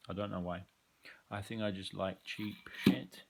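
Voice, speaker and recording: A man's voice: fairly low pitch, steady tone, normal speed, creaky, heavy background noise. A man casually walking through his effects pedals, rambling with frequent ums and blunt opinions. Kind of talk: casual gear walkthrough.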